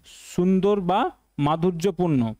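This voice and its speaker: Man with a Bengali accent, exam-prep English teacher, high voice, mellow tone, dry close sound. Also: takes it slowly, dry recording. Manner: repeats each question and answer as a drill, addressing students as "sir". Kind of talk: online exam-prep lesson, call-and-response drilling.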